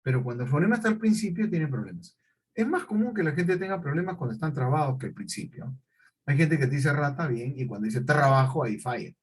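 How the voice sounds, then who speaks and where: A man teaching a class, explaining slowly and deliberately and checking often that his students follow. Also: mid-range voice, husky, poor audio. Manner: questioning, repetitive explanations with check-ins. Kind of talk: classroom lecture.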